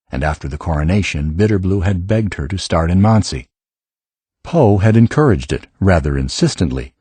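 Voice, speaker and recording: A man narrating a fantasy audiobook in a calm, measured way, recorded in a studio. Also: deep voice, slightly rough, dry recording. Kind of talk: scripted narration.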